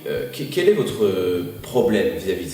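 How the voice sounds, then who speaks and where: A man's voice: low-pitched, big pitch swings, moderate pace, warm tone, far from the mic. An actor playing a polite, hesitant male interviewer who stammers often, recorded in an echoey room away from the mic. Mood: earnest. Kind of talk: parody web-series interview acting.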